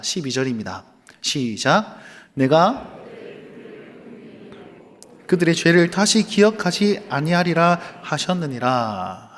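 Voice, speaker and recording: A pastor preaches in a church, his voice high for a man and swinging widely in pitch. He talks animatedly and slips into little acted-out exchanges. He is a father of young children. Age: adult with young children. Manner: animated preaching, acting out dialogue. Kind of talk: sermon. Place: church sanctuary.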